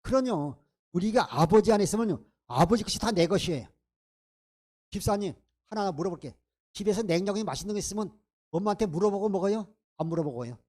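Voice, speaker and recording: A man preaching a sermon in a high-pitched voice. He is emphatic and often turns to the congregation with rhetorical questions. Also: lively intonation, fast talker, a little mellow. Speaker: pastor.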